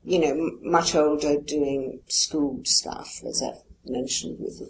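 A woman poet from Iran who grew up speaking Farsi answers interview questions in a musing, hesitant way, with light laughs and many "you know" fillers. Her voice is low-pitched, steady, and slow, on poor audio with a little hiss or hum.

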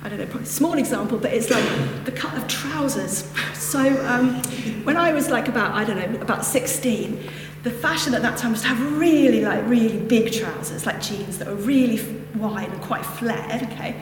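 At normal speed and a fairly high pitch, a northern English woman delivers a dharma talk to a group from a hall with a lectern. Her reflective Buddhist teaching wanders into casual asides. Echo, a distant mic and background noise mark the recording.

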